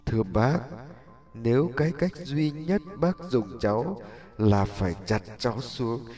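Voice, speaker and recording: A man's voice: medium pitch, a little slow, mellow, soft background music, natural voice. A man voicing a young bamboo in a storybook parable, pleading in fear and then yielding humbly. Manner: pleading, tearful.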